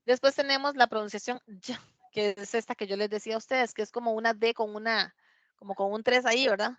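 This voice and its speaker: A woman teaching an English pronunciation lesson, explaining patiently step by step and slowly repeating words to model them. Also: a little high, steady tone, a bit bright, no echo. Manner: patient, explains step by step, asks "¿verdad?" often.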